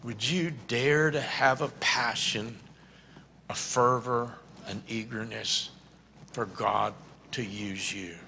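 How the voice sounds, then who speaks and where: An older male pastor tells a story from the pulpit, his voice gravelly with a bright, forward edge. He acts out each person's lines as he goes. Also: mid-range voice, slow pace, a little hiss or hum. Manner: animated storyteller acting out quoted voices. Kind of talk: storytelling sermon.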